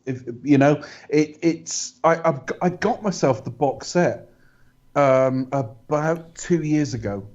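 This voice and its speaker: A man chats through a film commentary with a sardonic, blunt edge. His voice is dark and mellow. The recording sounds a little dull and lo-fi. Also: medium pitch. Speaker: podcast co-host. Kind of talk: casual film-commentary chat.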